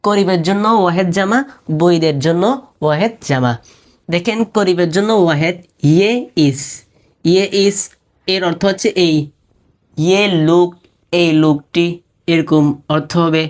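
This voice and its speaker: A woman teaches a beginner class in a low, steady voice. She goes through each term slowly and repeats it, often pausing to ask whether it is clear. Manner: patient, repeats terms slowly with frequent checks. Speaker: Urdu teacher. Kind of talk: step-by-step language lesson.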